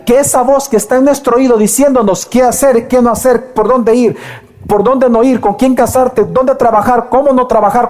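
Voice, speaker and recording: Male preacher, high but mellow voice, fervent sermon delivery with exclamations and soft hushed asides. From El Salvador. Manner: impassioned preaching, dropping to soft intimate tones when voicing God; reads scripture aloud and exclaims often. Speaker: pastor.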